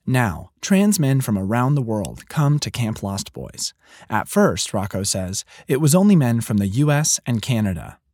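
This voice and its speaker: A man host reading scripted narration with a lively delivery. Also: medium pitch, a little slow, dry recording. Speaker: podcast host.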